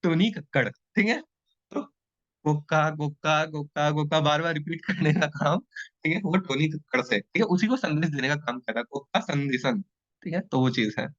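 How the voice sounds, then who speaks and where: A man's voice: on the high side, normal speed, no echo. A man teaching an online exam-prep lecture in a playful way, checking in with his students often. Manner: lively, playful teaching with frequent check-ins. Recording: dull lo-fi dry sound.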